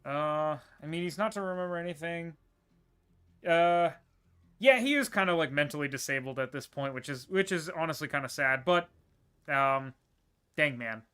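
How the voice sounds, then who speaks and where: A man streaming a video game, rambling and thinking aloud with quick laughs as he plays. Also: on the high side, pushed and bright, clear, resonant tone. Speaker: gaming streamer. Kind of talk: casual gameplay commentary.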